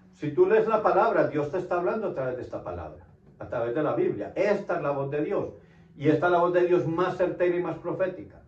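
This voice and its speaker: A man's voice: on the high side, a little mellow. A man preaching a Bible study sermon, earnest, often repeating himself and checking in with his listeners. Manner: earnest, repeats phrases, tag question "¿cierto?". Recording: roomy, distant, dull lo-fi sound.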